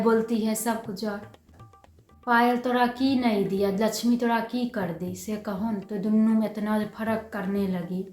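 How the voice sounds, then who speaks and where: A woman's voice: a little high, echoey room. A middle-aged woman, speaking insistently and argumentatively in a family drama scene.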